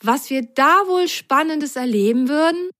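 A woman's voice: high voice, lively intonation, unhurried, pitched above the performer's own voice. A woman voicing an eager, adventurous boy sock who talks enthusiastically in a children's story. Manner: bright, enthusiastic, bubbly.

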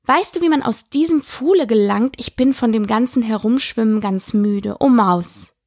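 A woman's voice: a little high, normal speed, a little mellow, no echo, clean studio sound. A woman voicing a polite, curious young girl who chatters eagerly and apologizes often.

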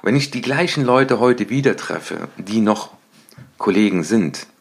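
A middle-aged man hosting a motivational podcast, talking lively and acting out little everyday scenes in changing voices. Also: lowish voice, a little slow, creaky. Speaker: podcast host and coach.

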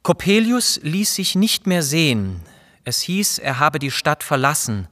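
A male storyteller reads a classic tale aloud in a slow, dramatic, first-person way. His voice sits fairly high for a man. A long reverb surrounds every word, as in a large hall. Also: big pitch swings, fairly bright tone. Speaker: reader. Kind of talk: audiobook reading of a classic tale.

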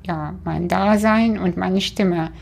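A woman's voice: fairly low pitch, slow, creaky, darkish tone. A woman in a casual conversation who talks hesitantly, searching for words. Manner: hesitant, with frequent fillers and restarts. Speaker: stage speaker.

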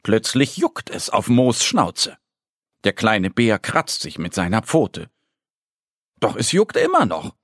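A man narrating a children's story slowly, with a lively, storytelling delivery. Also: lowish voice, dry recording, studio quality.

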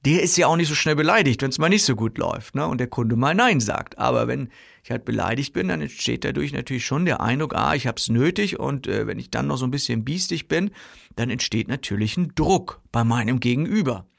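A man's voice: mid-range voice, lively intonation, fairly quick, gravelly, fairly bright tone, no room sound, clean studio sound. A man coaching salespeople in a casual, chatty way, often acting out what customers and sellers say. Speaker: sales trainer.

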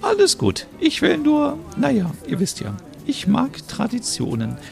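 A man voicing a prim elderly woman fond of traditions, in a very high quavering falsetto with refined, precise speech. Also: wildly swooping pitch, unhurried, creaky, heavily acted. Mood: fussy. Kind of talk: voicing characters in a narrated story.

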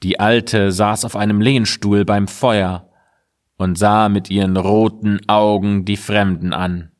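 A man reading an old fairy tale aloud as narrator in a slow, measured storytelling manner. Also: on the low side, level tone.

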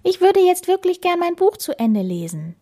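A woman's voice: very high-pitched, very animated, moderate pace, dark tone, voice pushed up. A woman voicing a determined bookish young girl in a storybook, firm and insistent.

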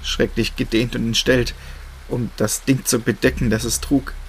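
A man's voice: mid-range voice, flat delivery, normal speed, slight background noise. Man narrating a horror story. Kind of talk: scripted first-person horror narration. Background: faint music.

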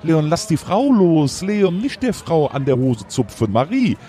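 A man's voice: fairly high pitch, very animated, measured pace, warm tone. A young man in a comedy sketch, talking in a harried, scolding, exasperated way.

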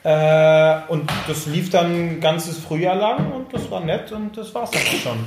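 A man's voice: a little high, measured pace, roomy sound, heavy background noise. A man talking hesitantly in a casual podcast chat, full of fillers.

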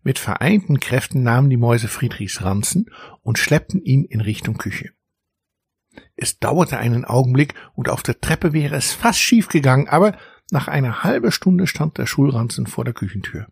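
A man calmly narrating a children's story as an audiobook reader. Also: medium pitch, moderate pace, vocal fry, husky, no room sound, clean studio sound.

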